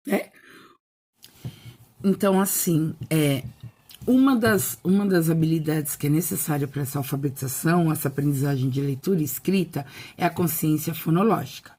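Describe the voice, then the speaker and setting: A woman's voice: on the low side, a little mellow, breathy edge. A woman teacher explaining a lesson in an educational video, asking rhetorical questions and sounding out words syllable by syllable. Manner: asks rhetorical questions and answers them.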